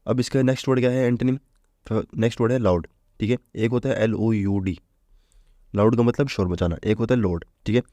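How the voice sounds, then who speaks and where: A man's voice: medium pitch, fairly even intonation, brisk, mellow, no room sound. A man giving a casual vocabulary lesson, chatty, asking questions and answering them himself. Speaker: vocabulary teacher. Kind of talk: casual Hindi exam-prep lesson.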